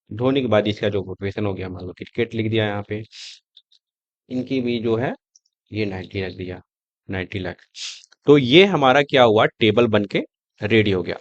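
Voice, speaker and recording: A man walks through a coding lesson, explaining each step in a loose, conversational way while he types. His voice sits at an ordinary middle pitch. The room is dry, and the sound is a little dull, as from a simple home microphone. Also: no room sound. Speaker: coding tutor. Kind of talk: screen-recorded coding tutorial.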